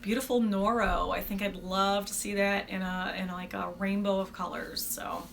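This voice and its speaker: A woman's voice: medium pitch, steady tone, normal speed, gravelly, fairly bright tone, a little hiss or hum. A woman hosting a casual, unscripted craft podcast, chatting in a rambling, self-deprecating and informal way. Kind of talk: casual, unscripted video podcast chat about knitting.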